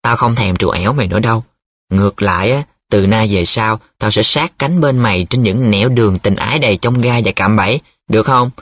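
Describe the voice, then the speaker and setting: A man's voice: lowish voice, a little fast, fairly bright tone, dry recording, studio quality. A man voicing a teasing, dramatic young male student who talks in a playful, showy way, in an audiobook. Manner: playful, showy, sing-song when reciting.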